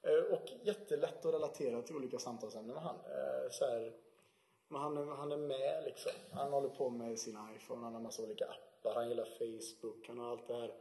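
A man's voice: medium pitch, reverberant, low-quality recording. A man chatting casually as a podcast co-host, laughing often as he tells stories. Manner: laughs often, relaxed storytelling. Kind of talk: casual chat.

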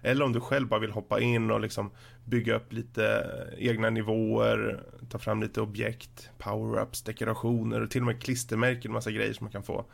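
A man on a gaming podcast who gives a measured review and hands the talk over to the next speaker. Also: on the low side, little pitch movement, gravelly. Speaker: podcast co-host. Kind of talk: casual gaming podcast chat.

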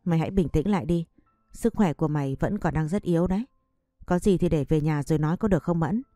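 Brief: woman doing protective young girlfriend in an audio story; urgent, pleading, dark and dry. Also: low voice, fast talker, no room sound, faint music behind, close to an everyday voice. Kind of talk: audiobook narration.

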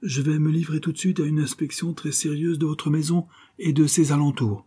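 A man's voice: on the high side, fairly even intonation, fairly quick, dark tone, breathy edge, pitched above the performer's own voice. A man voicing a boastful private detective who bluffs, speaking in a reassuring, self-assured manner. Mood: bluffing.

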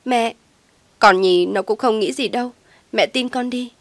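A woman's voice: mid-range voice, a little fast, no room sound, close to an everyday voice. A woman voicing a stubborn young daughter who pleads tearfully with her mother, recorded dry and close. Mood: pleading.

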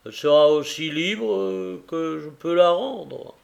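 A man reading aloud voices a heartbroken, humble carrier, speaking earnestly and slowly with a gravelly tone. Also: on the high side, dull audio, heavily acted. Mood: sorrowful. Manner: earnest, grieving, forgiving.

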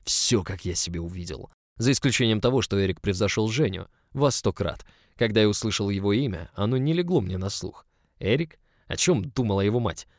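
A man voicing a tall Norwegian writer and boss, commanding and full of desire, in a low, measured, intimate reading. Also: lively intonation, no echo, clean studio sound. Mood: brooding. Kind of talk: audiobook character reading.

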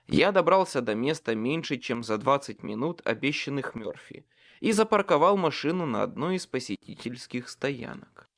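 A man reading a first-person audiobook in an expressive, dramatic way. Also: on the high side. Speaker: audiobook narrator.

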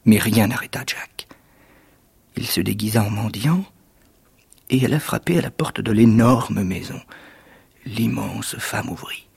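Husky-voiced male storyteller. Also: lowish voice. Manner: measured, expressive storyteller pacing. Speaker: actor reading a fairy tale aloud. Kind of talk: scripted storytelling narration.

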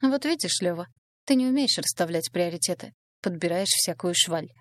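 A venomous, sneering young woman with a raised, bright edge to her voice, as a female reader puts her on. The recording is dry and close, with no room sound. She spits scorn and gloats over her schemes. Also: fairly low pitch, animated, normal speed, dry recording, natural voice. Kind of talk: audiobook dialogue reading.

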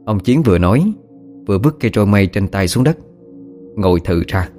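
A man narrating a story as an audiobook reader, steady and expressive. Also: fairly low pitch, a little fast, faint music behind.

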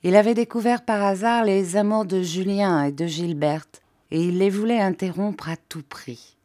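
Mellow-voiced woman reading a classic novel. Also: medium pitch. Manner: measured, expressive reading. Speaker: audiobook narrator. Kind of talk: literary audiobook narration.

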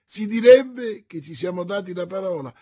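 A man voicing a refined, pious musketeer who speaks in a polite, fastidious way. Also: high voice, animated, warm tone, husky, voice pushed up.

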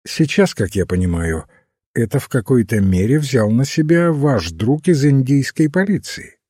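A man voicing a calm, thoughtful middle-aged priest detective who reasons quietly in an audiobook. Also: medium pitch, normal speed, husky, no echo, studio quality. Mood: musing. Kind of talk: audiobook character reading.

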